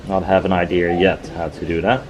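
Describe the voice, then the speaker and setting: A DIY maker working on a build in his garden talks in a low, flat voice at a fairly quick pace, musing aloud casually, hesitating and frequently leaving thoughts unfinished. The outdoor recording is noisy, with the highs cut off.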